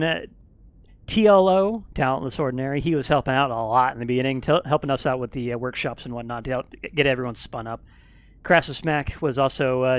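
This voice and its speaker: Man giving earnest thanks with many pauses. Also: mid-range voice. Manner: halting, many fillers, earnest. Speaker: roleplay project organizer. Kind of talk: casual wrap-up talk.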